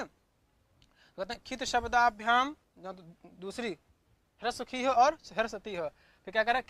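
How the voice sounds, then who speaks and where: A woman's voice: mid-range voice, fairly bright tone. A woman teaching an online grammar class, drilling each step by asking a question and answering it herself, over and over. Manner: repetitive, step-by-step explanation.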